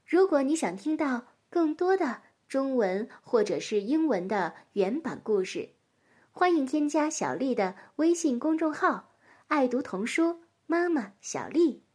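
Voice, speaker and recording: A woman reading a children's story aloud in a gentle, expressive storytelling manner. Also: high-pitched, a little slow.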